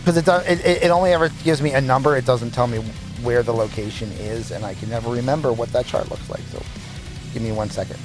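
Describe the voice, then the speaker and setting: A man acting as game master, calmly narrating a tabletop game and patiently explaining rules. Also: medium pitch, fast talker, music in the background. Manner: relaxed, explains rulings patiently.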